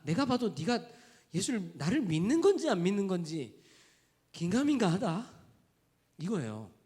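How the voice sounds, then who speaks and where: A male pastor preaching a sermon in a direct, conversational way, dropping to hushed near-whispers and building to loud, rising emphatic lists. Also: on the high side. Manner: speaks to the congregation in a direct, conversational tone.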